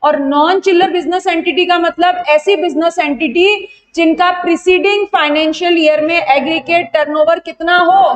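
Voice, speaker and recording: A young woman with an Indian accent runs an online revision lecture for exam candidates, firing off questions and answering them herself. Her voice sits high. She switches freely between Hindi and English technical terms. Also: steady tone, moderate pace. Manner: quizzing students and answering her own questions. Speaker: GST exam tutor.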